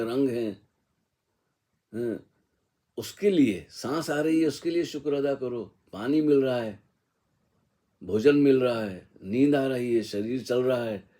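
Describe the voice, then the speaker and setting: A man giving an unhurried, reflective spiritual discourse, musing with casual asides and slowly reciting couplets. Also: medium pitch, mellow. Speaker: spiritual teacher.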